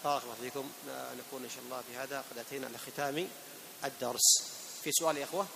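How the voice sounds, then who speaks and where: A man teaching tajweed to a class, patiently asking his students questions and slowly demonstrating the pronunciation of words. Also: mid-range voice, fairly even intonation, vocal fry, big-room sound, noisy background. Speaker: Quran recitation teacher.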